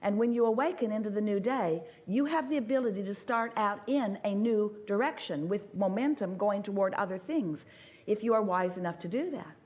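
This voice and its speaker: A woman's voice: mid-range voice, normal speed, a little mellow. Lady doing an inspirational seminar talk as "we", keeps repeating stuff, slightly dull recording. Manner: speaks as a collective "we"; emphatic repetition. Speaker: inspirational speaker.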